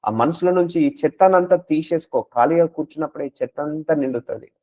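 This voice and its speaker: A man's voice: a little high, quick pace, darkish tone. A man preaching a sermon, exhorting listeners with repeated rhetorical questions and English words mixed into his speech.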